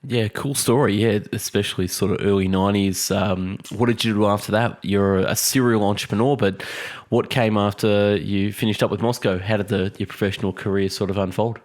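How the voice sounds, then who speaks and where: A man's voice: on the low side, steady tone, a little fast. A man hosting an interview, giving short upbeat affirmations and asking questions. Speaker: podcast host.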